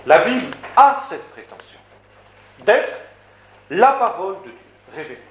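A man's voice: high-pitched, sing-song, measured pace, a bit bright, muffled recording. A man preaching a sermon in an emphatic, rhetorical manner, building points through repeated phrases. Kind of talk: sermon teaching. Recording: echoey room with faint background noise.

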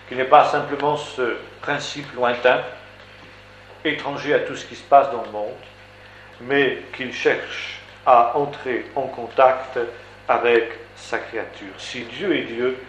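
A man's voice: mid-range voice, fairly bright tone. Male preacher, emphatic and rhetorical, stacks repeated phrases; echoey room, faint hiss. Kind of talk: sermon teaching.

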